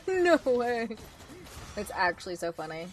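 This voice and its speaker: A woman Twitch streamer plays a video game live and comments on her play, hurling profane trash-talk at opponents. She swings between low muttering and loud yelling, in a sing-song delivery that runs a little slow.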